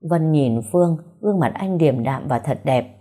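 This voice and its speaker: A woman narrating a romance story, with even, unhurried reading. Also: low-pitched.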